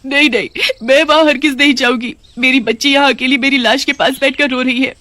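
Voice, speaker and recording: A woman voicing a widowed mother who becomes a gentle witch in a cartoon horror story. She speaks in a pleading, emotional way. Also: medium pitch, fast talker, no room sound, close to an everyday voice. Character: grieving widowed mother turned witch, tender.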